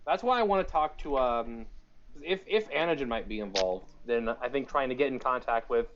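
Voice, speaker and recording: A man's voice: medium pitch, animated, moderate pace. A man playing a tabletop game with casual, goofy, sometimes crude banter. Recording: dull recording with faint music.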